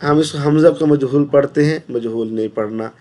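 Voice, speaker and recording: A man teaching Quran recitation with tajweed, reciting syllables slowly and stretched, then correcting mistakes in quick asides. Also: a little high, a little mellow. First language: Urdu. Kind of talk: tajweed lesson, slow drilled recitation.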